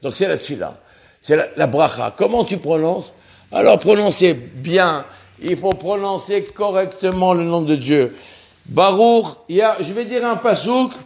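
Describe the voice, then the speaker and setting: A man giving a religious lesson on prayer, impassioned, repeating himself and slowly sounding out Hebrew syllables. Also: sits high, lively intonation, vocal fry, darkish tone. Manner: impassioned, repeats himself, stumbles and restarts words. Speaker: rabbi teaching on prayer.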